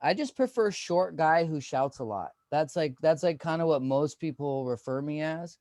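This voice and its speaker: A man's voice: fairly high pitch, expressive, moderate pace, darkish tone, no room sound, studio quality. A man in his thirties doing a stand-up comedy set, rambling and self-deprecating with lots of fillers.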